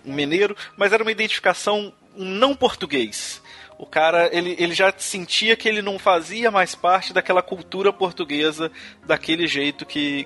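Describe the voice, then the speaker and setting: A Brazilian podcast host chats casually about music history, often restarting sentences and tacking on tag questions. His voice sits high and sounds pushed and bright.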